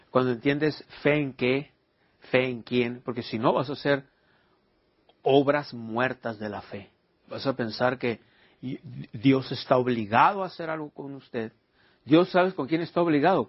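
Man, casual preacher, husky voice, dry muffled sound. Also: medium pitch, no room sound. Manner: conversational storytelling with rhetorical questions. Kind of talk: informal sermon.

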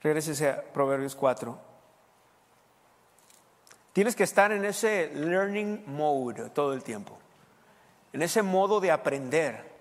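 A man preaching as pastor, animated and emphatic, dropping from loud points to quiet asides and slipping English words into his speech. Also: fairly high pitch, slow pace, long pauses, in a large hall. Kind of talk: sermon.

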